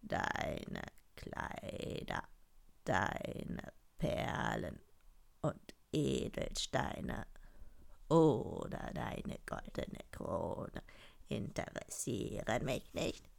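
A woman voicing a male frog in a fairy tale, speaking in a low, slow, croaky voice and adding quacks. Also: big pitch swings, exaggerated voice. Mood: pleading. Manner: drawn-out, croaky, ends lines with quacks.

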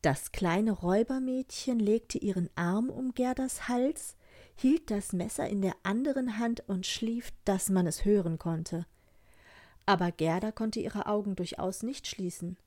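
A woman reading a fairy tale aloud in a calm, even storytelling manner. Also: medium pitch, measured pace.

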